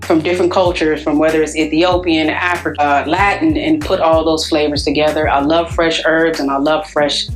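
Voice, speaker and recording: A woman's voice: deep voice, level tone, moderate pace, few pauses, faint music behind. A woman chef chatting casually and with humor about her cooking. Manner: chatty, warm-humored, fillers like "you know". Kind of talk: casual chat.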